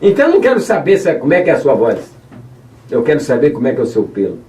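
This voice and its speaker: A man with a Brazilian Portuguese accent preaching on the radio, telling a Bible story in an animated way. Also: medium pitch, rapid-fire, slight background noise. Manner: animated, acts out voices, asks listeners. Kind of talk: storytelling sermon. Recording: roomy, distant mic.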